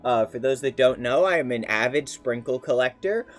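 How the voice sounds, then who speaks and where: A man's voice: medium pitch, expressive, moderate pace, faint music behind. A man chatting casually on a live stream, playful and rambling, with many fillers.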